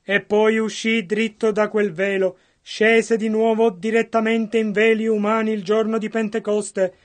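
Guy translating a sermon phrase by phrase, really high voice, earnest. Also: little pitch movement, measured pace. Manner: earnest, follows the preacher's phrasing closely. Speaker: sermon interpreter. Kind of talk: live sermon interpretation.

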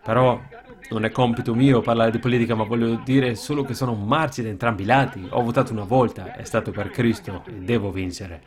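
A man preaching a sermon with passion, swinging from loud shouted peaks down to quiet, low asides. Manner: impassioned, rises to shouts then drops low.

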